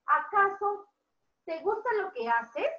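Woman reading a sheep that teases, high and slow, sounds far off and muffled. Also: big pitch swings, sharp tone, exaggerated voice. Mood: teasing. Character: teasing female sheep in a story. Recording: roomy, distant, dull sound.

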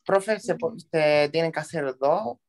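Man as tentative student, slightly high voice. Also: unhurried, a little hiss or hum. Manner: tentative, short answers. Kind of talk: answering in class.

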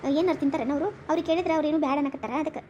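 A chatty village aunty, voiced by a woman in a cartoon, talking in a North Karnataka accent. She rattles along very fast in a high voice, fussing over her guests. A faint noise sits under the voice. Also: darkish tone, muffled recording, lightly acted. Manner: rapid, fussing, reassuring. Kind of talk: cartoon comedy voice acting.

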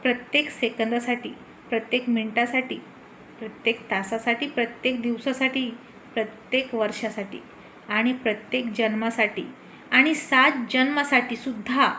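A woman's voice: on the high side, steady tone, normal speed, bright, forceful tone, slight background noise. A woman voicing a teasing, protective young man who also turns possessive. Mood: angry, possessive. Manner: playful teasing, turning possessive and stern.

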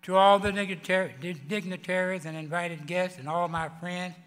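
An elderly man with a growling, hoarse voice gives a formal acceptance speech in a halting, deliberate way. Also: sits high, steady tone, a bit bright. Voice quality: growling, hoarse voice from vocal cord paralysis. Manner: halting, deliberate delivery with stumbles. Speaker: award recipient giving acceptance speech. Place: large banquet hall stage. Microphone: podium microphones. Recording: echoey banquet hall PA, electrical hum.

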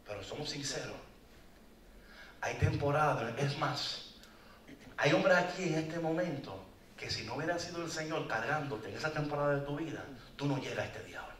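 A man preaching a lively, joking sermon at a men's conference, often calling out to the audience. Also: a little high, normal speed, slight background noise. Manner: animated, joking, calls out to the audience. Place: conference hall. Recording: echoey hall, mic far off.

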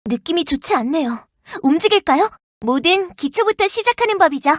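A voice actress playing a young, earnest and protective firefighter in a game, polite and gentle, snapping into crisp radio-style reports. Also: female voice, extremely high pitch, animated, a little fast, no echo, clean studio sound. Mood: calm, gentle. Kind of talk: game character voice lines. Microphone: dry studio mic.

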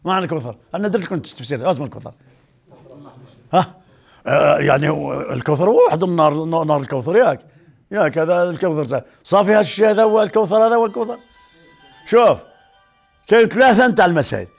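Moroccan preacher, man, fairly high gravelly voice, animated storyteller who fires questions at the crowd. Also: racing, pauses often, faint music behind. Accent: Moroccan Arabic. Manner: animated storyteller who quizzes his listeners. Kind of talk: lively sermon mixing dialect and classical Arabic.

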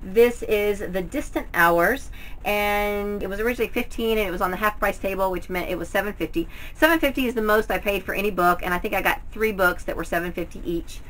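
Casting: middle-aged woman, bright forward voice, mid pitch, chatty home vlogger. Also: fast, few pauses, low-quality recording. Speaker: book haul vlogger. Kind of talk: casual, chatty book review to camera. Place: indoors at home, in front of bookshelves.

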